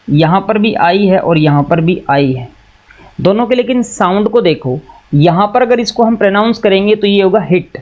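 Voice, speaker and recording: In a classroom lesson, a male teacher with an Indian accent explains the material in a fairly high voice, and the audio is narrow and tinny. He mixes Hindi and English, poses questions and answers them himself, and patiently repeats and recaps.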